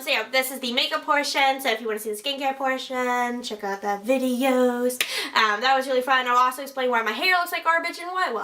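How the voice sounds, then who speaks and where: A woman's voice: a little high, bright, forceful tone. A young woman chatting casually as she reviews makeup on her own channel, rambling and joking, calling each product he or him. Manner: chatty, rambling, jokey asides. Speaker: beauty vlogger.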